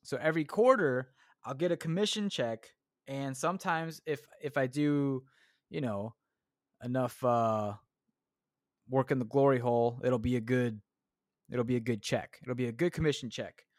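Here a young podcast host delivers a solo comedy rant, crude and self-mocking, with frequent swearing. He has a mid-range voice at a moderate pace, captured in studio quality with no echo.

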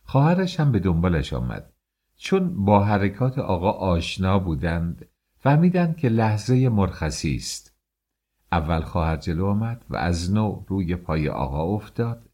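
A man reading an audiobook as its narrator, in a measured, expressive storytelling manner. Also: sits low. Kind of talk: scripted narration.

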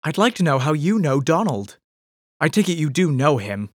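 A blunt, tipsy woman, as a male storyteller puts her on, firing off sharp, exasperated questions in a lifted voice. The audiobook reading is close and dry, with no room around it. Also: fairly high pitch, very animated, normal speed, dry recording, voice pushed up.

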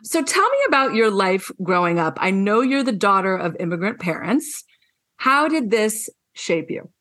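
A woman hosts a podcast interview in a mid-range, sing-song voice that's a bit bright, at normal speed. She delivers a scripted guest introduction, then moves into casual interview chat, effusive and affirming throughout.

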